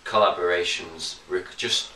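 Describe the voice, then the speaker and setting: A man's voice: low voice, fairly even intonation, unhurried, sharp tone. Hesitant northern English man, echoey room. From Manchester, England. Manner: hesitant, full of restarts and fillers. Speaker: violinist and producer guest. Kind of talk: casual chat. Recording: echoey room, distant mic, faint noise.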